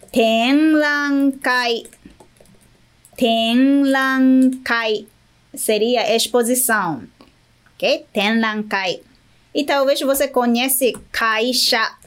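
A woman with a Japanese accent teaches vocabulary at an unhurried, deliberate pace. Her voice sits a little high, and she repeats each word and checks in with the listener after every point. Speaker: language teacher. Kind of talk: slow, patient Japanese lesson.

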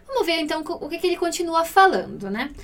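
High-voiced woman teaching Italian. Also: very animated, fairly bright tone, recorded from a distance. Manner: explains patiently, often asks "né?", reads Italian lines slowly. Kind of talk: language lesson explaining a dialogue.

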